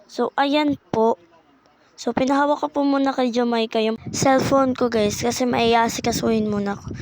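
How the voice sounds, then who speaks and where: A woman's voice: fairly high pitch, steady tone, normal speed, darkish tone, no room sound. A ten-year-old girl narrating her school day in a casual vlog, talking politely and chattily. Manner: polite, uses po often, chatty. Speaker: child vlogger.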